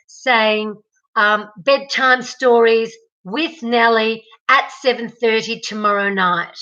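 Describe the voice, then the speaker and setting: A woman's voice: a little high, bright, forceful tone, muffled recording. A middle-aged Australian woman chatting casually with viewers on a live stream, greeting them by name.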